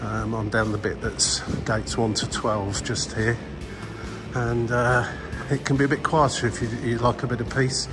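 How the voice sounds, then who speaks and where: A man's voice: medium pitch, little pitch movement, moderate pace, music in the background. A man giving casual, rambling travel vlog commentary in a chatty, hesitant way. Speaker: travel vlogger.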